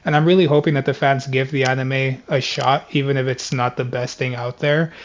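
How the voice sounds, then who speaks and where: A man talks through a casual review on his gaming channel in a rambling way, padding nearly every thought with "like". His voice stays fairly flat and level. It is picked up by a headset mic that sounds dull and lo-fi. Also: medium pitch, brisk. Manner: rambling, fills speech with "like".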